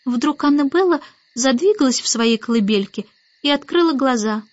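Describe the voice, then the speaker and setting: Woman narrating a storybook, a bit high. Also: lively intonation, moderate pace, no echo, dull audio. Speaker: audiobook narrator. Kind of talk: scripted narration.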